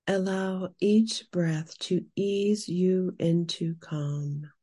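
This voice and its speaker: A woman speaks very slowly in a hushed, soothing spa manner, leading a guided meditation. Her voice is soft and breathy, with a mellow, relaxed tone and unhurried phrasing. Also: fairly low pitch. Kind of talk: slow scripted narration and guided meditation.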